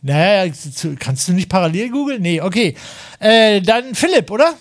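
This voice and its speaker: A middle-aged man hosting a call-in radio show in a joking, chatty way, quick to tease. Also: high voice, sing-song. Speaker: radio host. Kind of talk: casual call-in radio chat.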